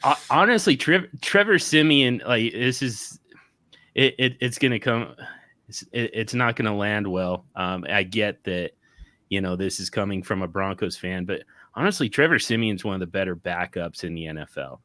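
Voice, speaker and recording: A man's voice: on the low side, lively intonation, moderate pace, sharp tone, no room sound, clean studio sound. A man talking on a casual sports show, joking and stumbling over restarts. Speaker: podcast panelist.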